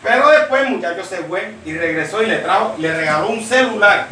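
A man telling jokes as a lively storyteller who acts out his characters. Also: sits high, brisk, slight background noise. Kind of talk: joke telling. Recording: echoey room, distant mic.

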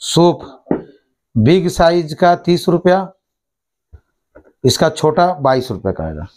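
This man, a shop owner in his thirties, lists plastic items with their prices and briskly repeats every figure. He speaks in a fairly high, sing-song voice with a darkish tone, recorded indoors on a lapel mic in a small shop office.

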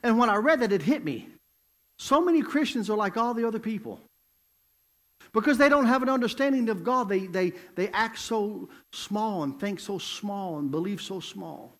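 A male evangelist preaches in a church, building his story with emphatic repetition. His voice sits high and swings widely in pitch as he drives each point home. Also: lively intonation, normal speed, a bit bright. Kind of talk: sermon.

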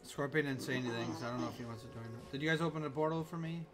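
A man from the Chicago area hosting a game stream, loud and excitable and swearing now and then as he plays. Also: mid-range voice, rapid-fire. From Chicago area, USA. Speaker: streamer host. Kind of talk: casual gaming chat. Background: game music.

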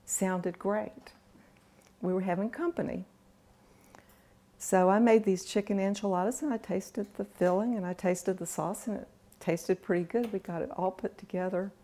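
A middle-aged woman, a home cook being interviewed in a large home kitchen, talking in a relaxed, plain-spoken way with dry humor. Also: medium pitch, normal speed. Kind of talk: casual interview.

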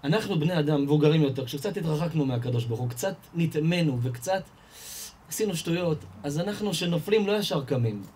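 A man giving a lively Torah lesson to an audience, telling everyday stories and firing rhetorical questions that he answers himself. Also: husky. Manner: animated storyteller, asks and answers his own questions, rises in pitch and volume. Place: live event hall before an audience.

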